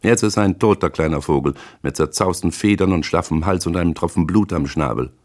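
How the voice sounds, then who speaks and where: A man with a very deep, low voice narrates a hard-boiled crime story in the first person. His reading is measured and deliberate, paced like a scripted audiobook. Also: darkish tone.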